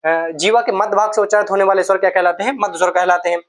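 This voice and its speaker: A woman delivers a Hindi grammar lesson for exam preparation at a rapid-fire pace, her medium-pitched voice fairly even in intonation. She explains each step, asks questions only to answer them herself, and repeats important terms.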